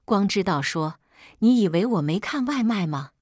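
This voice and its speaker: A woman's voice: medium pitch, lively intonation, normal speed, darkish tone, dry recording, clean studio sound, lightly acted. A woman voicing an angry young man who scolds harshly over the phone.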